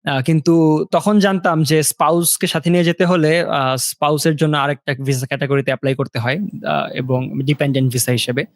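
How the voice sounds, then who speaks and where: Relaxed man with a bright voice, speaking over a remote call. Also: on the high side, no echo. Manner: relaxed, halting, mixes Bengali and English, frequent fillers. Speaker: podcast co-host sharing his story. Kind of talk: casual podcast chat.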